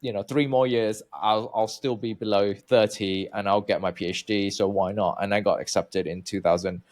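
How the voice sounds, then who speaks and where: A man from Malaysia with a lowish voice talks through his career as an interview guest. He is chatty and loose, full of fillers and restarts. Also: fairly even intonation, moderate pace, a little mellow. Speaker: guest researcher. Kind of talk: interview storytelling.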